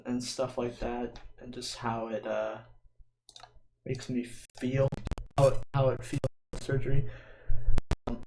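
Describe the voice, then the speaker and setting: This young man has a mid-range voice and a slight S lisp, and he chats in a loose, hesitant way while gaming as a vlogger. He's at a computer in a dim home room, with keyboard and mouse clicks in a noisy background.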